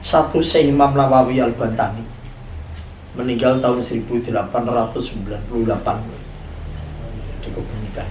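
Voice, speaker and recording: A man's voice: mid-range voice, steady tone, normal speed, darkish tone, slight background noise. A man, preaching a sermon and telling a story, often putting questions to his audience. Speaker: Islamic preacher. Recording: echoey room, voice from far off.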